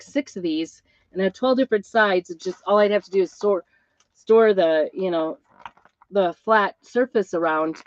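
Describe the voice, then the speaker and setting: A woman's voice: mid-range voice, no room sound. Woman with a dull, boxy sound, chatting while ill. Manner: chatty, rambling. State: ill with a cough and plugged ears. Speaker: craft channel host, music teacher. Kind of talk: casual chat to a live craft audience. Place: inside an Airstream trailer. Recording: dull, boxy tin-can sound, close and dry.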